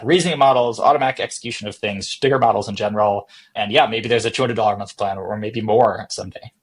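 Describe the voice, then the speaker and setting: Here a man with a husky, fairly bright mid-range voice appears as an interview guest. As head of a tech startup, he chats informally on a podcast, illustrating his thinking with examples and questions he raises himself.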